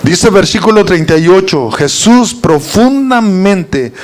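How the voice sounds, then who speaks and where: A man's voice: high-pitched, expressive, takes it slowly. A man leading an informal Bible study, reading verses aloud and quizzing his listeners with rhetorical questions. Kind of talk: informal Bible teaching to a group.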